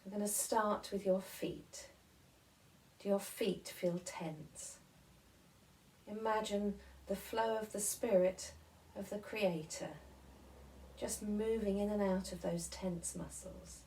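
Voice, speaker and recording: Woman doing a gentle guided meditation, really slow, mellow voice, mic a bit far off. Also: mid-range voice, fairly even intonation. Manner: gentle, soothing, unhurried instruction with pauses. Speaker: guided relaxation and devotional movement leader.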